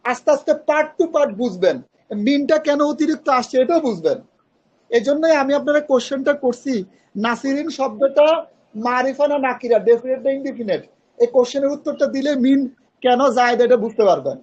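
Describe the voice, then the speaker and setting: A man's voice: very high voice, lively intonation, fairly quick, a little mellow, lo-fi sound. A man teaching Arabic grammar in an online class, patiently quizzing his students and mixing in English terms.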